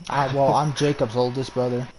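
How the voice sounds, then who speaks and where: Over a loud crowd and through poor audio, a New York gamer in his early twenties spins crude, boastful tales in casual voice chat, restarting often. He speaks fairly quickly at a medium pitch, with flat delivery.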